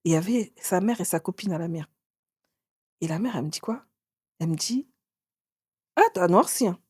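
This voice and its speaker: A woman in her forties, an author and interview guest, telling her own story in a lively way and acting out what others said. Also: fast talker, breathy edge, dry recording, studio quality. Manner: animated, acts out others' words with sudden pitch jumps.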